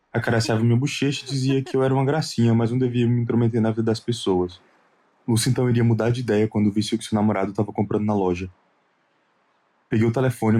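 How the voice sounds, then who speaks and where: A man narrating a first-person animated story in a wry, conversational scripted read. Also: mid-range voice.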